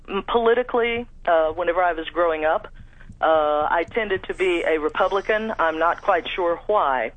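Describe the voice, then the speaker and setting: A man's voice: fairly high pitch, no room sound. A man from Missouri calling in to a radio show, earnest, friendly and chatty. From Missouri, USA. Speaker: caller. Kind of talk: call-in talk. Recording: muffled phone line.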